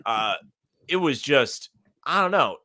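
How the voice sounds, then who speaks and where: A man co-hosting a casual live-stream podcast, hesitant and low on energy, often unsure of himself. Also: expressive, slow, bright, forceful tone. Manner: hesitant, keeps saying he doesn't know. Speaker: podcast co-host.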